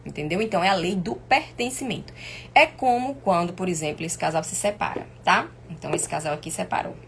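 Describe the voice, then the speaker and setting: A woman's voice: fairly low pitch, brisk, fairly bright tone. A woman with a Brazilian accent and an inflamed, sore throat, teaching informally on a live stream in an emphatic, didactic way with repeated points. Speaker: family constellation teacher hosting a live stream. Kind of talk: informal live lesson to viewers. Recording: clear background noise.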